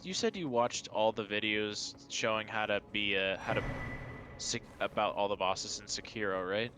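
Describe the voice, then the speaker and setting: A man chatting excitedly and casually while playing a co-op game. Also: lowish voice, normal speed. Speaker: streamer playing co-op. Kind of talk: casual gaming chat.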